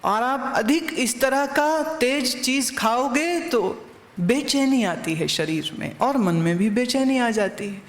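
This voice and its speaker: A woman's voice: on the high side, animated, takes it slowly. Woman spiritual teacher delivering a satsang, questioning listeners directly; roomy, reverberant recording. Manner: anecdotal teaching with rhetorical questions. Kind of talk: satsang discourse.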